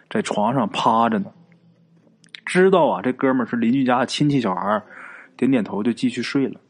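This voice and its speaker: A man telling a ghost story in a casual, colloquial way, full of filler particles and asides. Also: mid-range voice.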